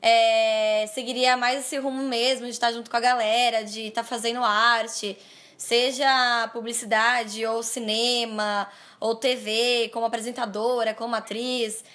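Bubbly young Brazilian woman youtuber, high voice, gushing casual chat. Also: flat delivery, unhurried, a bit bright. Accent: Brazilian Portuguese. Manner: bubbly, gushing, squeals and laughs. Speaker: youtuber calling fans. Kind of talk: excited casual phone chat.

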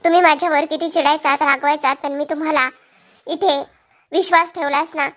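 A woman's voice: sits high, fairly even intonation, a little fast, a bit bright. A woman reading as a hurt, angry young husband. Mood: reproachful. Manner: reproachful, bitter.

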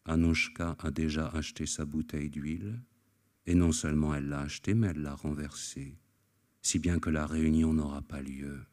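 An actor reading aloud, voicing a calm, sly foreign professor who speaks slowly and teasingly. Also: male voice, very deep voice, pitched below the performer's own voice. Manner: measured, teasing, slow deliberate delivery.

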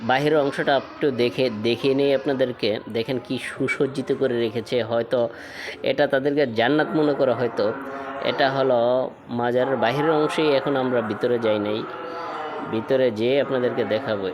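A man's voice: mid-range voice, fairly even intonation, normal speed. A man presenting a vlog, guiding viewers around a shrine and explaining what they see. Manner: addresses viewers directly, explanatory. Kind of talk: guided tour narration.

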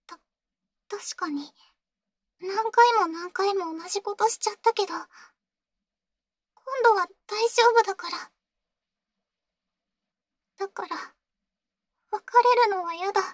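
A woman playing an insecure young girlfriend in an ASMR role-play, halting and pleading, with a sweet, eerily obsessive manner. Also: very high-pitched, no echo. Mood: desperate pleading. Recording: close, dry ASMR audio.

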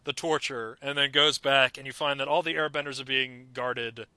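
A young man co-hosting a podcast, chatting excitedly about a cartoon and breaking into mock voices. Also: medium pitch, normal speed, clear, resonant tone, no echo. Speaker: podcast co-host. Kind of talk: casual chat about a cartoon.

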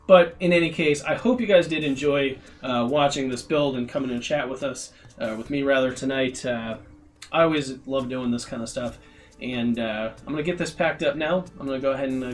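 A man hosting a build stream, chatting casually and giving frank advice, rambling with many fillers and restarts. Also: medium pitch. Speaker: custom fight stick builder hosting a live stream. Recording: voice a bit far from the mic, faint music behind.

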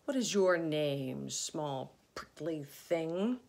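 Woman voicing a rude male rhinoceros for a storybook reading, mocking and giggly, wide-ranging and a bit husky. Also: low-pitched, lively intonation, drawn-out words, darkish tone, heavily acted. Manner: growling, then laughing helplessly.

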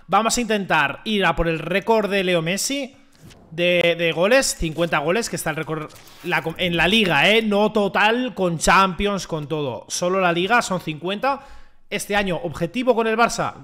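A young man doing loud, joking gameplay commentary and swearing freely. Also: high-pitched. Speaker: gaming YouTuber.

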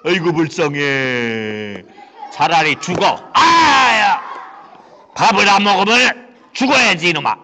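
Brief: blustering stingy rich man, voiced by a male puppeteer, deep gruff scolding, church reverb. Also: lively intonation, takes it slowly, long pauses, bright, forceful tone, some chatter behind, slight background noise, full character voice. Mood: dismissive. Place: church, live puppet show.

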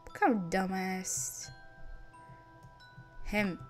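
Slow-talking playful young woman streamer. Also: mid-range voice, faint music behind. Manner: playful, chatty, laughs at herself. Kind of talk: game playthrough, reading dialogue aloud.

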